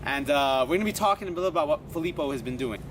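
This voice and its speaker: A man hosting his own vlog, talking in an excited, hyped-up way during a casual interview outdoors in a city. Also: a little high, racing. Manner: excited, hype-style talk. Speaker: vlog host. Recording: distant outdoor mic with traffic noise.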